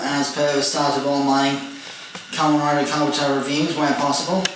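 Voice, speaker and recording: A man's voice: on the high side, fairly bright tone. A man giving a methodical toy review, listing parts and features one by one. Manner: methodical, listing details with "and whatnot". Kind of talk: casual toy review walkthrough. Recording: very echoey room, distant mic, faint noise.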